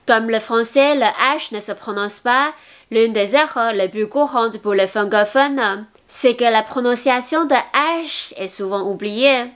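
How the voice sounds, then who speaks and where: Slow, patient teacher woman. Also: a little high, fairly bright tone. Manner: clear, slow demonstration of pronunciation, patient. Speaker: Mandarin teacher. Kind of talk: language lesson video.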